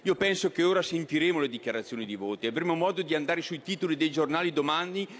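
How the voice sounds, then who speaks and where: A man who is a member of parliament, giving a measured but indignant speech. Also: on the high side, a bit bright.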